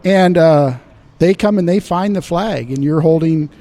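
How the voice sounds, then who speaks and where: A middle-aged man talks as a studio guest in a mellow, warm voice that sits a bit high. He rambles through his stories and lets his sentences fade out softly. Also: a little slow. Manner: rambling storyteller, trails off softly. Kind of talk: casual chat. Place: indoor shop space.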